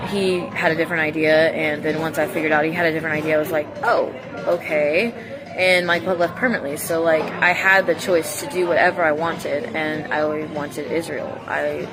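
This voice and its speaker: Candid young woman rambling over music. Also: low-pitched. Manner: candid, emphatic, repetitive, with blunt swearing. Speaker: livestream vlogger. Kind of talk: rambling, confessional livestream monologue. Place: coffee shop, indoors. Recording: music playing behind the voice.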